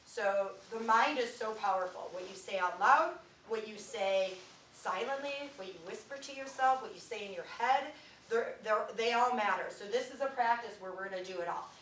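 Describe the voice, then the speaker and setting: A woman consultant leading a mindfulness workshop for families, gently guiding breathing and finger exercises and often dropping to a soft, near-whispered voice. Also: mid-range voice, moderate pace, a little hiss or hum. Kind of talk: guided mindfulness practice for families. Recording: roomy echo, recorded from a distance.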